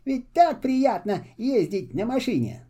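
A man's voice: very high voice, sing-song, measured pace, warm tone, husky, pitched above the performer's own voice, full character voice. A man voicing a cheerful, eager little male traveler in a children's story, full of exclamations.

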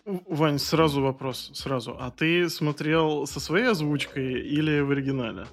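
A man's voice: a little high, normal speed, soft background music. A man joining a film podcast conversation in a playful way, laughing often. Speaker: podcast panelist. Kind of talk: casual podcast chat.

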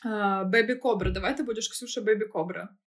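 A woman's voice: mid-range voice, a little fast, a bit bright, slight background noise. Woman, podcast guest, casual chat, theatrical delivery, self-mocking, sweary. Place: remote video call.

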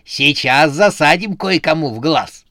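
A man's voice: medium pitch, measured pace, sharp tone, no room sound, clean studio sound. A man voicing a quarrelsome, grumbling old witch granny. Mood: grumpy.

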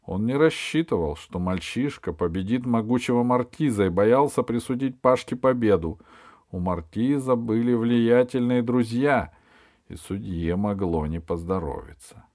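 A man's voice: mid-range voice, expressive, moderate pace, a little mellow, dry recording, studio quality. Man reading a children's audiobook. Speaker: audiobook narrator. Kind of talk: scripted narration.

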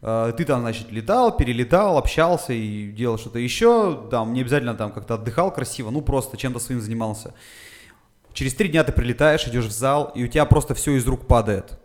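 A fitness coach from the Urals in Russia talks casually on a podcast, methodically explaining things step by step with frequent "uh" fillers. His medium-pitched voice has lively intonation and a brisk pace.

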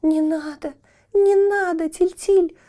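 A frightened little girl from a fairy tale, crying and pleading, as a woman narrator puts her on. Her voice is pushed high and thin with tears. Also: steady tone, slow pace, mellow. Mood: crying plea.

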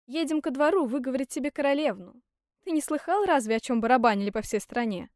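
A woman's voice: high voice, animated, fast talker, a little mellow, dry recording, studio quality. A woman reading a storybook aloud, voicing two haughty, mocking learned brothers who jeer at their sibling. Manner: scornful and jeering.

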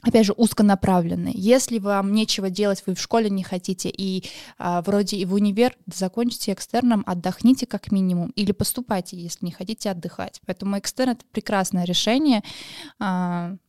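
A woman's voice: mid-range voice, a little fast, warm tone, dry recording. Woman podcast host, eager and chatty, hesitant fillers, dry close recording. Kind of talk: casual interview chat.

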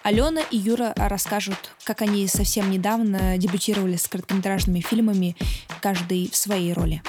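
Woman host asking measured questions. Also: mid-range voice, fairly even intonation, over music. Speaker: podcast host. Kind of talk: interview questions.

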